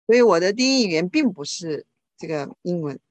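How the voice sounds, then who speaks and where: A woman interprets a speaker's talk into another language live, working quickly and informally and often correcting herself. Her voice is on the low side and expressive.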